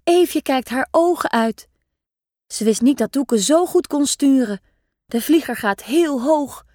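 High-voiced woman reading a children's story. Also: slow pace, no echo, studio quality. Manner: lively, expressive. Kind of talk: children's story read aloud.

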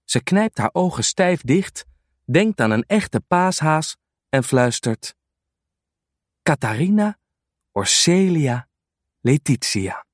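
Brief: male narrator for a kids' story, very expressive melody, close and dry. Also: a little high, dry recording. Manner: animated and unhurried. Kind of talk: children's storybook reading.

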